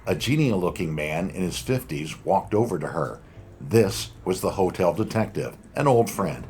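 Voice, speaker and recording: A man narrating a noir audiobook in a measured, dry storytelling manner. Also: low voice, animated, a little mellow, faint music behind.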